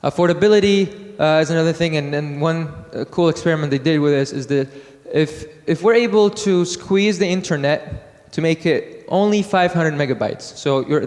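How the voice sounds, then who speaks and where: Man giving a halting talk in a hall. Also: on the high side, a little mellow. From Iraq. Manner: halting, many fillers and restarts. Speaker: conference speaker. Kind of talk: technical conference talk. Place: conference hall. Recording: hall with long reverb.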